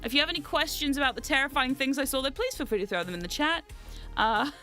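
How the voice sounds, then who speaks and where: A jet-lagged woman from New Zealand with a slightly sore throat, chatting casually to livestream viewers in an excitable, giggly, rambling, playfully dramatic and sweary way. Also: sits high, fast talker, soft background music. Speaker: VTuber streamer and host.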